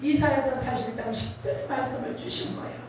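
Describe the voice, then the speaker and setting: A middle-aged woman preacher pours out a dramatic personal testimony, her fairly high voice swinging between hushed and soaring. She sounds set back from the mic in a big hall full of echo, with a faint hiss underneath. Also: fairly even intonation, fairly quick. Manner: emotional, dramatic storytelling with sudden rises. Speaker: revival preacher. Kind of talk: sermon testimony. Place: large prayer retreat hall. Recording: very echoey hall, voice from far off.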